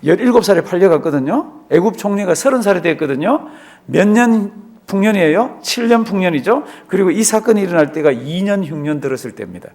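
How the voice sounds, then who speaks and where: Man, pastor, Bible study lecture, quizzes the class, repeats words, raised pitch, swooping animated delivery. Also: fairly quick. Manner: asks the class questions and answers them himself; emphatic, repeats key words. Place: church classroom.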